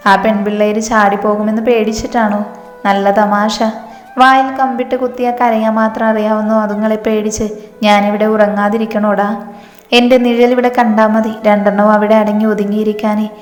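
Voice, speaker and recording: A woman's voice: medium pitch, little pitch movement, normal speed, close to an everyday voice. A woman voicing a boastful male guard who mocks his captives. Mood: scornful. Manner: mocking, swaggering. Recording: echoey reverb with background music.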